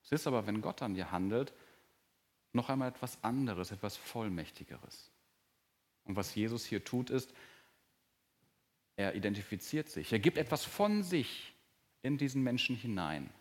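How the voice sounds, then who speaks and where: A man preaching a sermon to his congregation in a church hall. He talks earnestly and often drops to a soft, slow voice to stress a point. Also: fairly low pitch, lively intonation. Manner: earnest, varies pace and volume, drops to soft, slow emphasis. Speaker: pastor.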